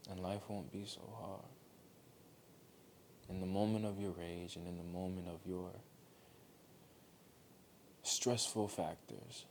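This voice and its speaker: A man giving a heartfelt motivational monologue, earnest and gentle, repeating phrases for emphasis. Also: sits low, slight background noise. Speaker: motivational speaker.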